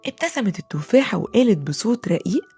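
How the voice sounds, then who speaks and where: Husky Egyptian woman telling a bedtime story. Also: medium pitch, quick pace, faint music behind. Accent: Egyptian Arabic. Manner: expressive, soothing storytelling.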